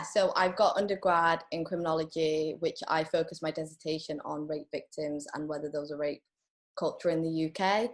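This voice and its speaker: A woman introducing herself on an online panel, hesitant and full of fillers. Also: deep voice. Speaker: refugee advocate panelist.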